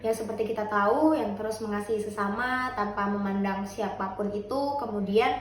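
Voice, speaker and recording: A woman's voice: medium pitch, fairly quick. Young woman interviewee, reflective, roomy echo. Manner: thoughtful, reflective explanations. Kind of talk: casual interview answers.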